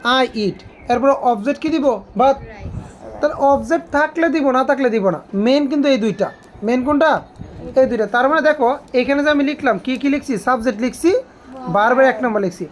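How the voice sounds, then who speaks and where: A woman's voice: sits high, moderate pace. A woman English teacher, giving a classroom grammar lesson and asking her students questions again and again. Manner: asks students repeated questions.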